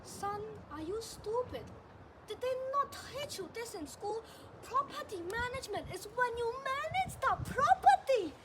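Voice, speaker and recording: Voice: very high voice, sing-song, a little slow, heavily acted. A performer voicing an angry, strict dad who scolds and insults his young son in a comedy skit. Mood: scornful. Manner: scolding, sarcastic, blunt insults. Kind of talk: comedy skit role-play. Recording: distant mic, loud noise.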